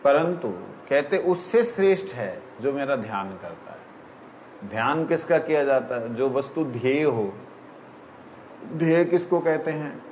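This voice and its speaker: Slow, deliberate man teaching scripture. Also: mid-range voice, echoey room, a little hiss or hum, low-quality recording. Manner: slow, deliberate, often checks if listeners understood. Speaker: spiritual teacher. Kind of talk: scripture discourse.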